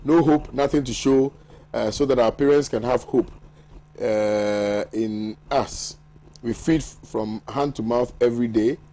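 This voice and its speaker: In a TV studio, a man with a Ghanaian accent hosts a morning show, reading viewer messages aloud and bantering with his panel amid frequent laughter. His mid-range voice is mellow and a little slow.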